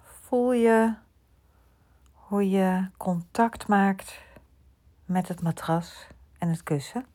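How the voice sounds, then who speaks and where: Slow, soft-spoken woman guiding sleep. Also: medium pitch. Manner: slow, soft, soothing, often whispered. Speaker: sleep meditation guide. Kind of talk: guided sleep relaxation.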